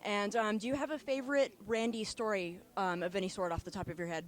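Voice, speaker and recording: A woman's voice: medium pitch, fairly even intonation, quick pace. A woman interviewing a guest outdoors at a memorial gathering, asking questions in a friendly, chatty way. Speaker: magazine interviewer. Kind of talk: casual interview.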